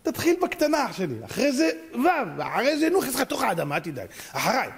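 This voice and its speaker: A man putting on the evil inclination as a smooth, friendly tempter spirit. It coaxes in a raised voice, chummy and sly, as a preacher acts it out within a sermon. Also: very high voice, wildly swooping pitch, voice pushed up, exaggerated voice. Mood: coaxing. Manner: wheedling, chummy.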